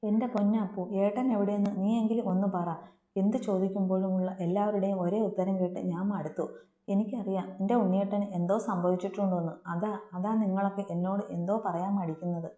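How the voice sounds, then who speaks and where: A woman's voice: medium pitch, level tone, fairly quick, warm tone, close to an everyday voice. A woman narrator voicing a frightened young pregnant woman who pleads in broken, anxious questions. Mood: pleading. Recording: roomy echo.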